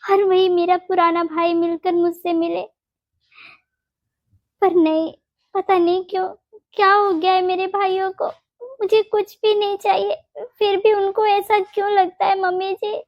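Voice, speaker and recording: A woman voicing a young, gentle married daughter-in-law in a Hindi cartoon, talking in a soft, pleading way. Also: very high-pitched, little pitch movement, measured pace, dry recording, highs cut off. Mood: hurt. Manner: soft pleading, keeps saying "mummy ji".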